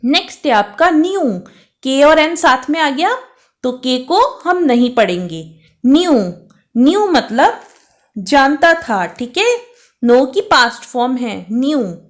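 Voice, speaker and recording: A woman teaching English words. She spells each word out letter by letter and keeps checking in with a rising "okay?". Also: high voice. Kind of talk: explaining vocabulary lesson.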